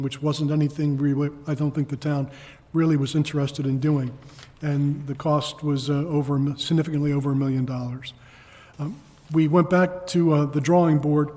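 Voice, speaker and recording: A man presenting a report to a town council as an official, explaining in a halting, measured way. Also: on the high side, warm tone. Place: council meeting room. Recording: reverberant meeting hall.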